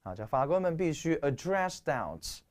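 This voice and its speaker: A Chinese man with a stuffy nose lectures on English vocabulary at a moderate pace, clearing his throat now and then. His delivery is animated, his pitch swings widely, and he keeps throwing rhetorical questions at the class.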